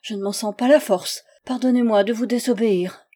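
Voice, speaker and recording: A woman's voice: fairly high pitch, moderate pace, mellow, lightly acted. A woman reading a storybook, voicing a prim lady-in-waiting who is scandalized and indignant. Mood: distressed. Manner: indignant, outraged outbursts.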